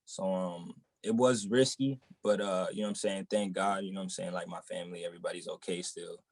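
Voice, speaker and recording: A young man from the Boston area, a rapper in a relaxed interview, who keeps filling his talk with "you know what I'm saying.". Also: low-pitched, brisk. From Boston area, United States. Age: young adult. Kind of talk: casual interview chat.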